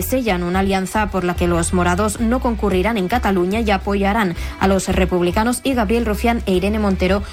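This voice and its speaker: A woman delivers a radio news report. Her reading is formal and even. A faint music bed plays behind her. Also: mid-range voice.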